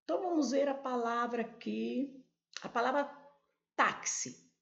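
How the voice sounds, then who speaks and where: A woman's voice: on the high side, creaky, reverberant, muffled recording. A Brazilian woman teaching a Portuguese grammar lesson for exam prep, explaining step by step and talking straight to her viewers. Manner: slow, explanatory, addresses viewers directly.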